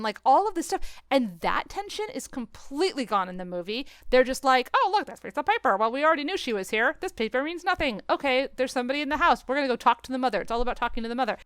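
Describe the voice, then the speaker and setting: A woman co-hosting a podcast talks about film in a casual, opinionated way, ranting emphatically and with exasperation while acting out quotes. Her voice sits high and is a bit bright and smooth, with a studio-quality recording and no room sound.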